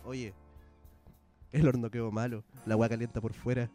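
A man's voice: medium pitch, level tone, normal speed, dark tone, soft background music, pitched below the performer's own voice, close to an everyday voice. A man doing a blunt, pushy uncle. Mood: insistent. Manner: insistent, blurting. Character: blunt teasing uncle, middle-aged man.

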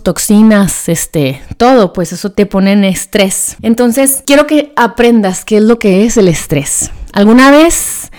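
A woman's voice: medium pitch, a little mellow. A woman in her thirties with a Mexican Spanish accent, hosting a casual self-help podcast in a chatty, candid way and acting out the voices of friends and her own inner thoughts. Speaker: podcast host.

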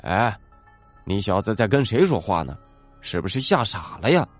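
A man's voice: lowish voice, very animated, normal speed, soft background music. A man playing an arrogant, hot-tempered school bully who blusters and threatens. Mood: menacing.

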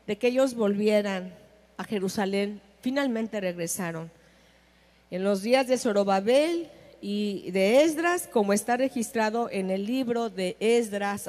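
High-voiced woman preaching, slow and echoing. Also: darkish tone. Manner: emphatic, asks the audience questions. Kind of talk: sermon.

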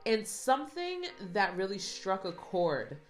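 A woman hosting a motivational podcast, a little stuffy from a cold, talking casually and reading affirmations slowly and earnestly. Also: medium pitch, very animated, echoey room, faint music behind. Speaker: podcast host.

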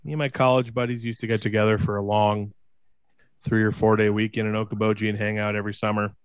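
A man's voice: fast talker, clear, resonant tone, no room sound. A young man tells a story to his co-hosts in a loose, casual way. His voice leaps up when he quotes someone. The sound is dry and close, with no room around it. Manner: animated storyteller, voice jumps high when quoting people. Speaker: podcast co-host.

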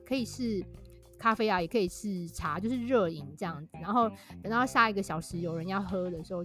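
A woman's voice: fairly low pitch, a bit bright. A woman guest and author, explaining things in a casual podcast conversation and laughing often.

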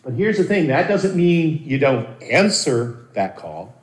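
A man preaching a sermon as a pastor, earnest and animated, with dramatic pauses and repeated words. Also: mid-range voice. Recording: roomy echo.

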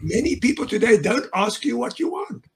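A man's voice: very high-pitched, very animated, moderate pace, gravelly, crowd noise, low-quality recording. A man as an interview guest, telling sales stories in a chatty way, chuckling often and doubling up words as he starts sentences. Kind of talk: conversational interview.

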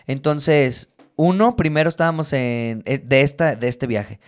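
A man's voice: medium pitch, measured pace. A young man with a Mexican Spanish accent, chatting casually as a co-host, telling stories with lots of swearing and animation. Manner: animated storyteller, swears freely. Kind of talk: casual chat.

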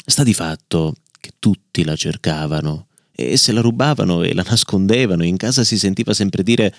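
A man hosting a podcast, reading a children's story aloud in an expressive, lively storyteller's manner. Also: deep voice, moderate pace, no room sound, studio quality. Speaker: podcast host.

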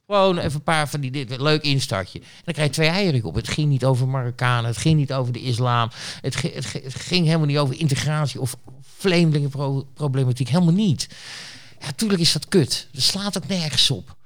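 A man's voice: on the high side, brisk. A man being interviewed, who tells a story in a blunt, rambling way with lots of fillers and restarts. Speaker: interview guest, street reporter. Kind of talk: casual storytelling.

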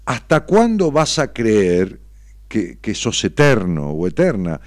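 Animated Rioplatense man hosting radio. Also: fairly low pitch, slow, no room sound, clean studio sound. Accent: Rioplatense Spanish. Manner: animated, rhetorical questions, frequent fillers. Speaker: radio host and psychologist. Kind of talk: late-night radio monologue.

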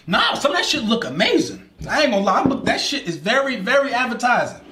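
High-voiced man, loose podcast banter. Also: sing-song, fast, a crowd in the background. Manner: loose, joking slang-heavy banter. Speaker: podcast co-host. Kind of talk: casual chat. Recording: echoey room.

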